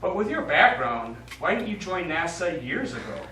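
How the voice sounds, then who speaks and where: In a small theater studio, a mic at audience distance picks up a male actor as a probing, blunt mission commander interrogating his crewman. His delivery is very animated and slightly high-pitched at normal speed, challenging in tone, and the hall's heavy echo and faint noise make it sound distant.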